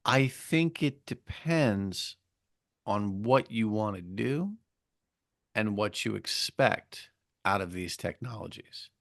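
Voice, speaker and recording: A man with a low, gravelly voice co-hosts a podcast in a loose academic discussion. He drives his points home by repeating phrases and slips in dry, sarcastic asides. The sound is close and dry. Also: lively intonation, slow pace, a bit bright, no echo. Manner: emphatic, repeats key phrases. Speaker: podcast co-host.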